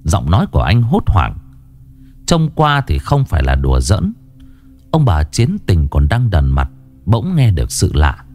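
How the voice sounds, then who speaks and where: A man narrating a ghost story in an expressive, dramatic way. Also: a little slow. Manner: expressive, swinging pitch. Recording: narration over background music.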